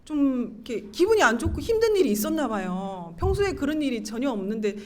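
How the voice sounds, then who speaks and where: A middle-aged woman giving an animated, emotional church testimony, acting out her own quoted words. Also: high-pitched, fairly quick. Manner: animated storytelling, acting out her own quoted lines, laughing and tearful at times.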